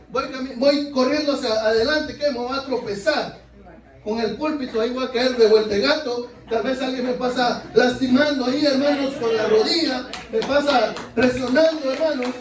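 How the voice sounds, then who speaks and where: A man's voice: extremely high pitch, normal speed. A man preaching a sermon in a church, repeatedly calling out to his brothers and asking rhetorical questions. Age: adult. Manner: keeps addressing listeners as brothers, asks rhetorical questions. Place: church sanctuary. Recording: echoey church, mic far off.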